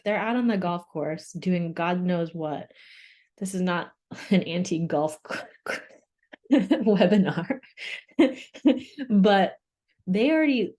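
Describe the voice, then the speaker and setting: With a lowish, slightly mellow voice, a young woman coach speaks openly about her feelings in a webinar. She's candid, laughs a lot, and gets tearful now and then.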